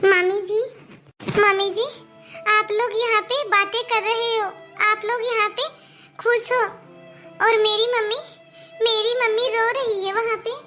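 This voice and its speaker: Cartoon little girl, earnest and outspoken, really high bright voice, a woman voicing her. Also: fairly even intonation, unhurried, pauses often, soft background music, heavily acted. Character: outspoken young girl, loyal to her mother. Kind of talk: cartoon voice acting.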